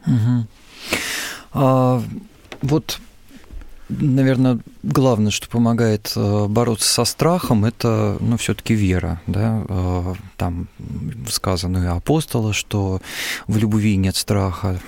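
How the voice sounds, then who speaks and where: A male interviewer asking questions hesitantly, full of fillers and pauses. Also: lowish voice, steady tone, vocal fry, a little mellow, no echo.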